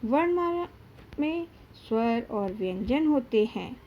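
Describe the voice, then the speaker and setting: A woman teaching a grammar lesson to children, pronouncing each sound slowly and deliberately. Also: a little high, expressive, muffled recording, slight background noise. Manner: slow, deliberate, drawn-out syllables with frequent pauses. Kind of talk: slow classroom lesson for children.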